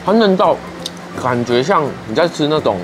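A man's voice: on the high side, lively intonation, moderate pace, music in the background. A man with a Taiwanese Mandarin accent, reviewing street food outdoors with his mouth full, chewing as he savors it. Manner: enthusiastic, savoring food aloud. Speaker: food vlogger.

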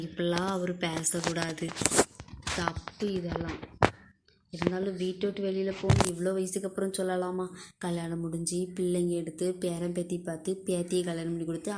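Chatty neighbor gossip, a woman with a lowish voice, comedy skit. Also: darkish tone, slight background noise, lightly acted, low-quality recording.

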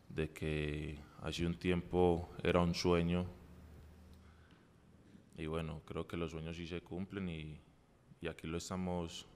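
Deep flat-voiced man. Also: long reverb tail, slight background noise. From Colombia. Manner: halting, many restarts and fillers. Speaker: football player. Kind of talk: press conference answers. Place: press room in front of a sponsor backdrop. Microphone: table mic.

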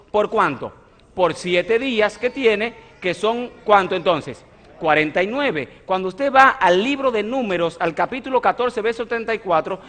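A man's voice: sits high, fairly bright tone. A man in his thirties preaching a sermon on a stage in a large church hall. He speaks emphatically and keeps asking his congregation questions, then answers them himself. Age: 30s. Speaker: pastor. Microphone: stage mic at a lectern, filmed by broadcast cameras.

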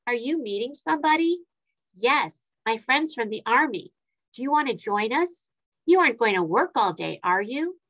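A woman doing a brisk, teasing young cousin. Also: a little high, expressive, fairly bright tone, dull audio. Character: lively young woman cousin, back from army.

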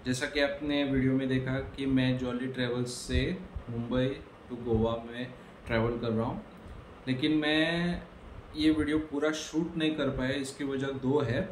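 Brief: young man from Goa, vlog address to camera, calm and explanatory, small indoor room, close phone mic. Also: mid-range voice, normal speed, roomy sound, a little hiss or hum, poor audio. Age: young adult. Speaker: travel vlogger.

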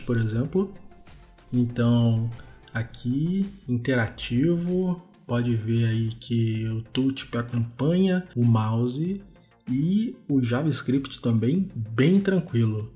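The host of a web development video show, a man with a Brazilian accent, gives casual, conversational screencast commentary as he demonstrates. His voice is medium-pitched and warm, with music in the background.

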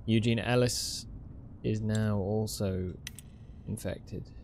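A man's voice: on the low side, steady tone, takes it slowly, background noise. A young man giving casual, playful let's play commentary into a close desk microphone, often muttering and repeating words. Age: young adult. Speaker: video game streamer. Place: indoor home room, webcam setup. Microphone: close desk microphone with headset.

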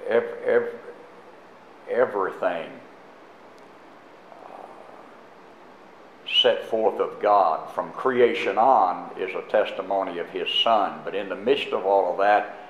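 An older pastor with a deep voice introduces a guest teacher in unscripted church announcements and a sermon, halting often, restarting, and filling gaps with fillers. The live church stream sounds echoey and muffled, with a faint hiss or hum.

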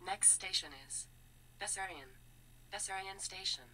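A woman making recorded train station announcements, with steady, formal next-stop and door calls. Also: medium pitch, a little slow, heavy background noise. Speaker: transit announcer.

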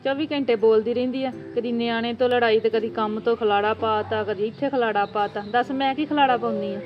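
A woman's voice: a little high, steady tone, fairly quick, close to an everyday voice. A woman with a Punjabi accent playing a sarcastic, complaining mother-in-law in a family sketch. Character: nagging sharp-tongued mother-in-law, middle-aged. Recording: lo-fi with loud music.

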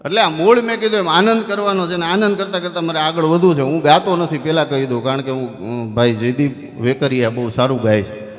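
A man with a Saurashtra Gujarati accent and a fairly high voice tells comic folk-stage stories into a stage microphone, animated and quick to act out other people's voices. His words ring through a hall with a long reverb. Faint music plays behind him. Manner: animated, acts out other people's voices with sudden jumps in pitch. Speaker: comedian and storyteller. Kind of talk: live folk-stage comedy storytelling. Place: stage before a live audience.

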